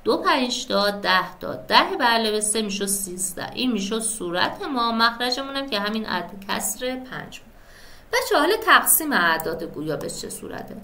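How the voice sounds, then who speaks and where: A woman's voice: fairly high pitch, sing-song, sharp tone. A woman teaching a math lesson step by step, often checking in with her students by asking "right?". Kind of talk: step-by-step classroom explanation.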